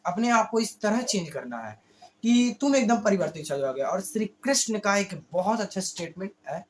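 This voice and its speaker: A male YouTube creator with a hoarse voice, giving a casual motivational monologue slowly, often stumbling and correcting himself. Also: sits high, expressive, a little hiss or hum. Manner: talks slowly on purpose, with frequent slips and self-corrections.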